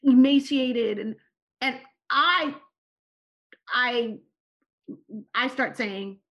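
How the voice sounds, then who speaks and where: On a muffled recording, a high-voiced woman speaks very slowly, sharing personal anecdotes as a guest on a podcast. Turkish is her first language, and her lively delivery is dotted with "right?" at the ends of sentences.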